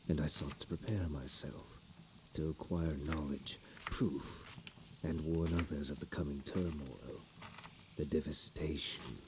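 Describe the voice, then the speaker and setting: A man playing a sinister, courteous plague doctor in a fantasy audio role-play, with a low, unhurried voice and archaic, doting yet menacing speech. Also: fairly even intonation, background noise. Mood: grave, brooding.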